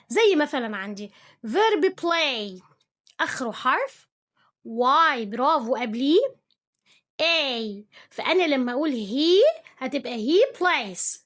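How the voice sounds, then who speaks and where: A young woman with an Egyptian Arabic accent and a high, bright voice runs a cheerful English lesson for kids. She poses little quiz questions to her pupil and praises every right answer. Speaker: English teacher. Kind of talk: playful lesson for children.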